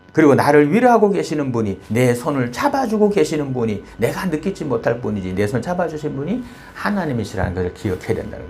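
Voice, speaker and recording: A man's voice: on the high side, darkish tone, slight background noise. A male pastor preaching a sermon, telling a story with many rhetorical questions and tag words.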